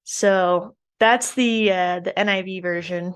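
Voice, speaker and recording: A woman co-hosting a casual podcast, chatting and reading a scripture passage aloud in an even storytelling tone. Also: medium pitch, slow pace, smooth. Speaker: podcast co-host.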